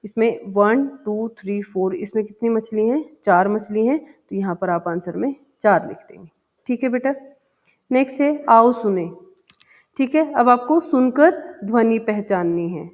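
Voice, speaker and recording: A woman teaching a first-grade Hindi lesson, patiently repeating words and asking the children questions. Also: on the high side. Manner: chants the poem slowly and sing-song. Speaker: primary school Hindi teacher. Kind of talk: explaining a textbook lesson to young children. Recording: dull lo-fi sound with long reverb.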